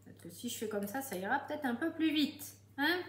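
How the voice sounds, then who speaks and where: A woman's voice: sits high, animated, brisk, echoey room. A middle-aged woman with a southern French accent, demonstrating a recipe at home in a casual, chatty way and speaking straight to her viewers. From southern France. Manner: chatty, addresses viewers directly. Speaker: Tupperware demonstrator. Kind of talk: casual cooking tutorial.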